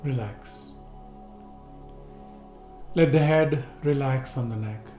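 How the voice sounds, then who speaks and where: A man with a mid-range voice guides a seated relaxation and breathing meditation. His instructions are slow, calm and gentle, with long pauses, and the recording has a roomy echo and faint music.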